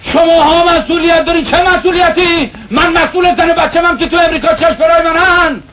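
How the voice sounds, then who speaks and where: An actor playing a frantic middle-aged man near breakdown, ranting bitterly and shouting in an Iranian film drama. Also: very high voice, steady tone, slight background noise, low-quality recording. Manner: shouting, bitter, agitated rants.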